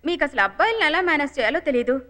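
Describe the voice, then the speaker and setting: An actress playing a brisk, commanding female dance teacher at a college in a film comedy. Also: high voice, big pitch swings, a bit bright. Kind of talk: comic film acting.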